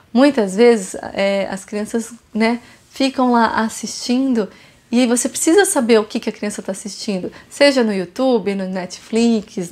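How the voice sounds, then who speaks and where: A woman with a slightly high voice hosts a casual parenting vlog. She talks earnestly and instructively, addressing the viewer directly as she gives advice.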